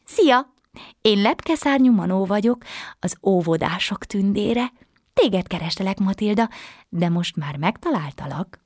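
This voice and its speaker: An eager, kindly little butterfly-winged fairy from a bedtime storybook, as a woman reads her part, speaking in a soft, breathy voice that sits a touch higher than her low narration. The sound is close and dry, with no room around it. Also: lively intonation, no room sound, lightly acted. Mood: cheerful. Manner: bright, encouraging, eager. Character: small cheerful helpful kindergarten fairy with butterfly wings.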